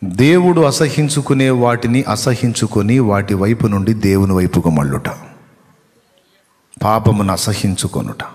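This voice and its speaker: A man's voice: on the low side, expressive, normal speed, darkish tone. Male preacher, emphatic, questions the room, long reverb, church hall. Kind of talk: sermon.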